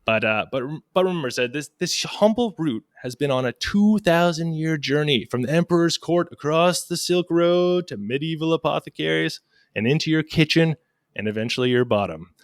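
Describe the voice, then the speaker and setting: A man's voice: fairly high pitch, animated, moderate pace, dry recording, clean studio sound. A young man co-hosting a casual podcast, telling facts in a playful, jokey, theatrical way. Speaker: podcast co-host.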